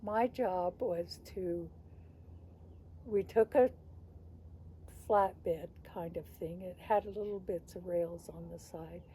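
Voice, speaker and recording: A sweet old lady shares memories in a casual, rambling and folksy way. Her voice is very soft-edged and dark, and she takes her time as she talks. There is slight noise behind her in what sounds like a simple home recording. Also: fairly low pitch, slow, pauses often. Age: older. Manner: chuckles often while talking. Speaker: grandmother telling family stories. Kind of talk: casual reminiscence.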